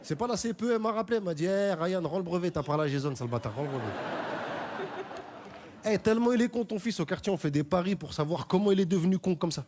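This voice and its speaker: A man's voice: sits high, animated, fast talker, a little mellow, slight background noise, pitched above the performer's own voice. Man doing a cocky young street guy. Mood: mocking. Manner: teasing street slang.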